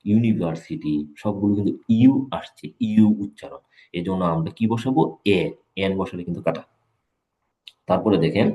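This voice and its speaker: A man's voice: low voice, mellow. A man teaching an English grammar lesson in Bengali, repeating and spelling out examples letter by letter. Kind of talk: live online grammar lesson.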